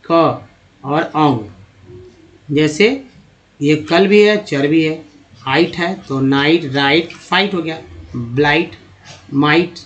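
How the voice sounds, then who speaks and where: A man gives a spoken lesson over slides, naming letters and then sounding them out part by part. His voice sits a little on the high side. He talks to his viewers as friends. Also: very slow, pauses often, highs cut off, slight background noise. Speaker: English reading teacher.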